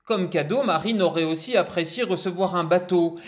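A man reading a children's picture book aloud, expressive and animated. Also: high voice, normal speed, soft background music. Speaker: storyteller.

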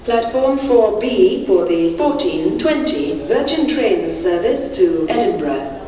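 A woman's voice: medium pitch, lively intonation, takes it slowly, mellow. A woman giving a formal, scripted public-address station announcement, like an airport announcement, in carefully separated phrases. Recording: echoey, distant, dull noisy station PA.

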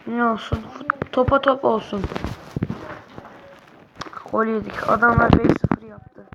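Excitable gravelly woman gamer, noisy recording. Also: a little high, slow, muffled recording. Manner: excitable, shouts bursts at the game. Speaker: gaming channel host. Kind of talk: let's-play game commentary. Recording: noisy recording with clicking sounds.

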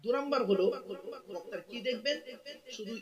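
A man's voice: high voice, lively intonation, brisk, highs cut off. A man preaching a sermon to a gathering, joking and coaxing his listeners. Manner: jokey, coaxing, calls listeners "baba". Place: outdoor gathering tent. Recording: crowd noise at a religious gathering. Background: large crowd.

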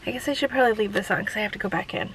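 A woman's voice: medium pitch, expressive, rapid-fire, a bit bright, slight background noise, rough recording. A woman vlogging to a handheld camera from a parked car. She is congested and out of breath, and chats in a rambling way with lots of "like". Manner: rambling, chatty, many "like" fillers. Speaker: vlogger, show host. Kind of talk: casual vlog talking to camera.

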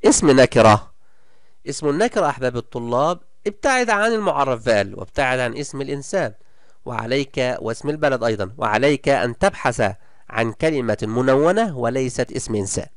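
A man's voice: mid-range voice, animated, no echo, studio quality. Guy teaching a kids' class, super clean voice, cheering the students on, drags out the example words. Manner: encouraging, praises pupils often; stretches out example words slowly. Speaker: primary school teacher. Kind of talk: recorded online lesson.

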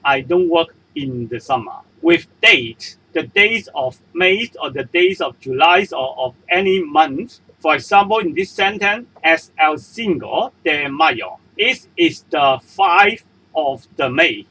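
A man with a Hong Kong accent, whose first language is Cantonese, talks through a beginner's language lesson at an unhurried, deliberate pace. His voice sits a little high and has a husky edge. He repeats each example and its translation patiently, as a voice-over for on-screen slides. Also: lively intonation, sharp tone, rough recording. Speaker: Spanish language teacher. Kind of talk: slow explanatory lesson narration. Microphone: voice-over for screen-recorded slides.

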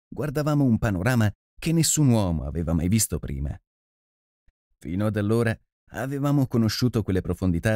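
A man narrating a literary adventure audiobook in a measured, steady storytelling manner. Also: on the low side, no echo, studio quality.

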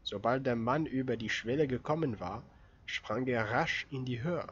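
A man narrating an audiobook in a steady, measured reading voice. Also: mid-range voice, dull audio. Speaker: audiobook reader.

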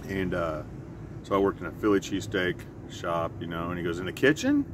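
Standing outside near a house with siding, this middle-aged man who vlogs about pipes spins an unhurried, rambling story, pausing and correcting himself in an easygoing way. His deep voice is delivered flatly to a camera a short distance away, with noticeable traffic or air-conditioner hum in the background.

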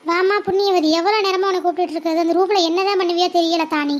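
A woman playing a scolding mother of two girls in a family drama, nagging sharply and without pause. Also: very high-pitched, steady tone. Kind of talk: family drama role-play.

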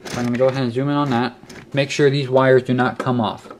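A male host of a hobby electronics tutorial narrates fast and flat in a medium pitch, explaining each step in a practical, instructional way. He's filmed on a handheld camera in a cluttered workshop or utility room, and the audio picks up clicks and clear background noise.

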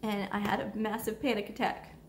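Soft-spoken young woman, echoey room. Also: medium pitch, little pitch movement, a little fast. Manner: soft-spoken, hesitant, many fillers. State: tearful at times. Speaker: vlogger sharing testimony. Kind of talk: personal faith testimony. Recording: echoey room with faint ambient noise.

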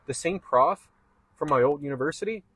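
A man's voice: on the high side, a little fast, a little hiss or hum. A young man from Canada, co-hosting a casual chat and rambling with lots of "like" and "man". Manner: relaxed, rambling, says "like" and "man" a lot. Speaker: co-host.

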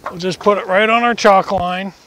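A middle-aged man with a fairly high voice talks through a building job outside, step by step and in a chatty way. The camera mic sits a little off from him, with faint outdoor noise behind. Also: steady tone, normal speed, fairly bright tone. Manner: chatty, explains each step while working, self-deprecating jokes. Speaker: homesteading vlogger. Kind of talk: casual how-to narration. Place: outdoors at a wooded barn. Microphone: camera mic from a distance.

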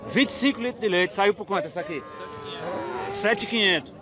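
A fairly high-voiced man talks in a casual, chatty way as he films. He keeps asking sellers for prices and says them back to his viewers. A busy crowd can be clearly heard around him outdoors. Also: lively intonation, brisk. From Northeast Brazil. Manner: chatty, asks sellers prices, repeats answers to camera. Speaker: vlogger at a cattle fair. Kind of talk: casual on-the-spot video commentary. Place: outdoor cattle market with crowd.

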